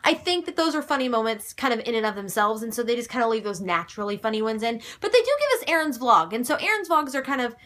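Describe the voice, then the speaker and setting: A woman's voice: on the high side, lively intonation, fast, few pauses, a bit bright. A young woman answering viewer questions in a casual, chatty video, emphatic and gushing, with mild swearing. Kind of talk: casual chat.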